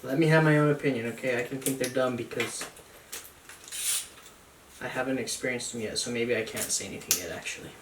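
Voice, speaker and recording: A young man rambles through a casual home unboxing, chatty and self-mocking. His voice sits at an everyday pitch and comes from a camera mic some way off, with the echo of a bare room. Clicks and a drawer opening or closing are heard behind him. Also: a little fast, pauses often. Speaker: vlogger. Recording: roomy, distant camera mic, noisy.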